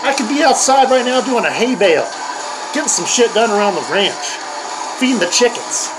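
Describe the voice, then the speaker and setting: A man's voice: very high-pitched, lively intonation, normal speed, background noise. An older man hosting a comedic reaction video, grumbling and mocking in a crude, profane way. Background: heavy metal music playing.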